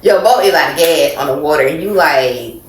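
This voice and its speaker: A woman co-hosting a casual podcast, her low voice swinging widely as she acts out stories. The room is echoey, with faint ambience behind her. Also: a little fast, a little hiss or hum. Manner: animated storyteller, acts out voices. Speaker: podcast co-host. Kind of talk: casual chat.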